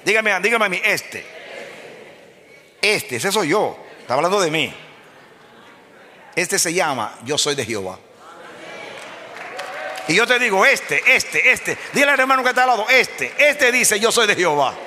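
A male preacher with a high, piercing voice delivers an impassioned sermon. He swings from quiet explaining to shouted peaks and keeps asking the congregation direct questions. His voice rings through a church hall with a long reverb. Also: big pitch swings, measured pace, pauses often, a little hiss or hum.

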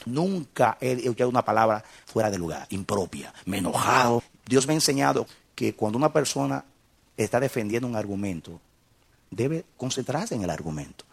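A man's voice: medium pitch, expressive, brisk, creaky, breathy edge. A middle-aged man preaching a sermon as a pastor, impassioned and building to emphatic peaks.

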